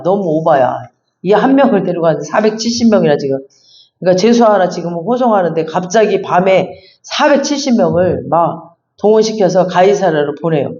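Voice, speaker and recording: Male pastor, high voice, chatty emphatic Bible teaching, echoey muffled church recording. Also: a little mellow. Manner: conversational, emphatic, reads verses then explains. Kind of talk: expository Bible sermon. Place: church sanctuary. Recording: echoey, dull church sound.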